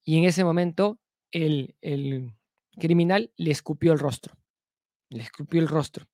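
A speaker talks through a self-help lesson at an ordinary middle pitch, recorded close with a dry sound. They repeat key phrases twice and ask rhetorical questions. Each new point is linked with a steady "entonces". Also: a little slow, no echo. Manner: leans often on the filler "entonces".

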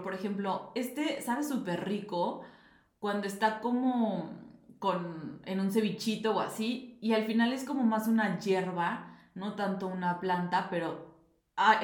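Chatty woman in an echoey room. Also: mid-range voice. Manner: chatty, animated, many fillers. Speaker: podcast host. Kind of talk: casual nutrition talk.

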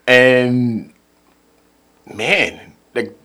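Liberian-accented man, halting and repetitive. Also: medium pitch, sharp tone. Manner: repeats words while searching for phrasing. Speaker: therapist guest. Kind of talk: casual conversation.

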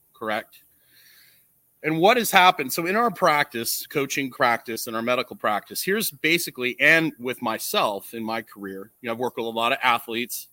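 A man wearing a nasal strip hosts a casual livestream, talking earnestly and explaining his views, often checking in with a quick "right?" or "okay?". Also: mid-range voice, sharp tone, no room sound. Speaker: livestream host, coach. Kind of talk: casual livestream monologue, opinion talk. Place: outdoors.

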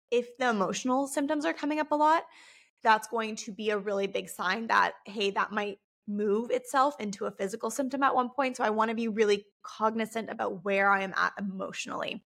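A woman's voice: medium pitch, creaky, a bit bright. A young woman speaking as a self-help coach in a casual, conversational way, often asking "right?".

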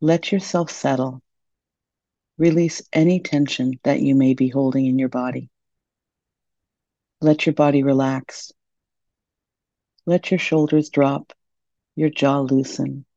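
A woman guides a meditation in a soft, soothing and gentle way. Her voice is mellow, with a creaky edge. The recording is close and dry but somewhat dull and lo-fi. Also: a bass voice, steady tone, slow pace, pauses often, dry recording.

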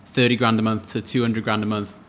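A man's voice: on the low side, little pitch movement, fast talker, a bit bright, slight background noise. A man in his late twenties, co-hosting a podcast and telling a story in casual chat. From Wales. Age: late 20s. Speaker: podcast co-host.

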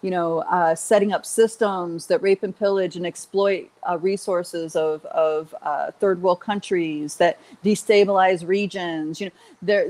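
A woman giving an informal spiritual talk as a teacher leading an online group, with a halting, searching delivery. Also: mid-range voice, a little mellow.

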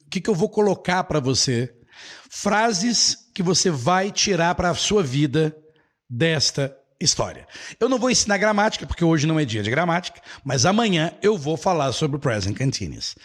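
Slow, animated Brazilian English teacher. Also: male voice, a little high, husky. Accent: Brazilian Portuguese. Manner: slow, repeats every phrase, switches between English and Portuguese. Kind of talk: live online English lesson.

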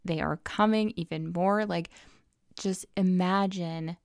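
A woman's voice: lowish voice, steady tone, slow pace, gravelly, no echo, clean studio sound. A woman giving tips in a casual personal vlog, in an upbeat, tidy advice-giving manner with emphatic repetition. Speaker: lifestyle advice vlogger.

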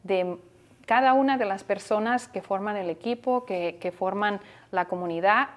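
A woman's voice: medium pitch, moderate pace. Spanish-accented woman, motivational TV host. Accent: Spanish (Spain). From Spain. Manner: earnest, motivational. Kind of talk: television talk show conversation.

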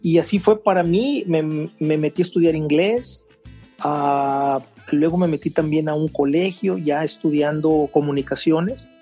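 A middle-aged man from Veracruz, an interview guest telling his story in an unhurried way, with frequent restarts and fillers. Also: a little high, warm tone, slightly rough, soft background music. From Mexico (Veracruz). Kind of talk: conversational interview.

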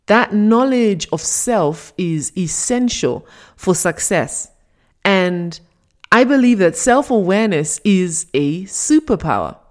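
A woman giving a scripted motivational talk, telling a fable in a deliberate, emphatic way. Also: medium pitch, expressive. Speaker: motivational speaker.

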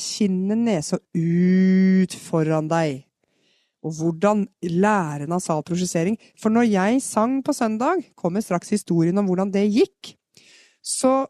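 A woman from Norway giving a chatty live podcast singing lesson, explaining technique and demonstrating vocal fry sounds. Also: medium pitch, a little mellow, no echo, studio quality. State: has a cold. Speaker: singing teacher. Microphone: podcast microphone.

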